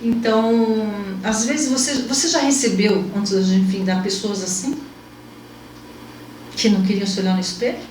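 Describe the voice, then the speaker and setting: A woman host telling an emotional personal story in conversation, animated and repetitive, her pitch jumping as she gets moved. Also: moderate pace. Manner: animated, repeats herself, pitch jumps when moved. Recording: echoey room, mic at a distance, faint background hum.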